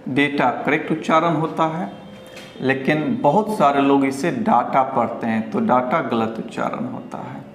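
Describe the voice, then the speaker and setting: A man with a Hindi accent teaching English pronunciation at a board, repeating each word slowly and with care. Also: mid-range voice. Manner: slow, deliberate, repeats each word several times. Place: classroom with a board. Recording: echoey room with faint ambient noise.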